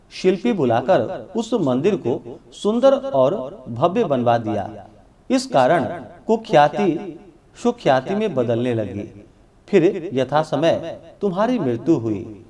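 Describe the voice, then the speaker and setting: A man narrating a devotional scripture story in a measured storytelling cadence. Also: on the high side, dark tone.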